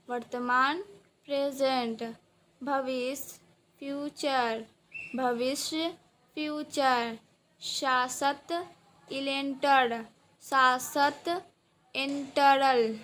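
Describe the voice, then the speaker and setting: A woman with a high, bright voice leads a vocabulary lesson at a very slow pace. She says each word and its translation twice, deliberately and with clear pauses. She hurries a little only for her short explanations. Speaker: English teacher.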